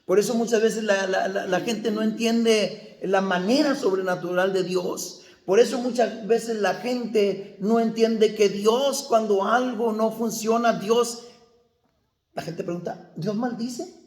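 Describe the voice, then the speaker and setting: A man's voice: sits high, fairly even intonation, a little slow, darkish tone, roomy sound. A male pastor preaching a sermon, asking the congregation questions and answering them himself.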